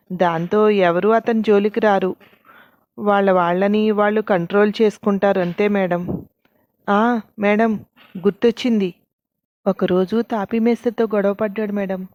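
A woman's voice: mid-range voice, no room sound, highs cut off, close to an everyday voice. Woman voicing an earnest male informant. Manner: explaining earnestly, addressing "madam". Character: male worker, respectful informant. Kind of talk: storytelling.

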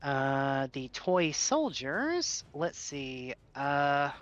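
A game master narrating a tabletop game in an unhurried way, with many filler uhs. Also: mid-range voice, sing-song, muffled recording, faint music behind.

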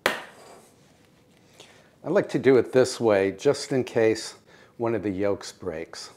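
Slow, low-voiced older American man cooking. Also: a little hiss or hum. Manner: calm, precise, gently encouraging. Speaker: cooking show host. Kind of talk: step-by-step cooking demonstration. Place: home kitchen, indoors. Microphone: lapel mic.

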